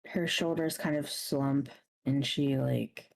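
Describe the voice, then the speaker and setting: A woman playing a tabletop role-playing game, describing her character's actions in a relaxed way with many fillers. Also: extremely low pitch, takes it slowly, vocal fry, poor audio. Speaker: player. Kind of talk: casual tabletop role-play.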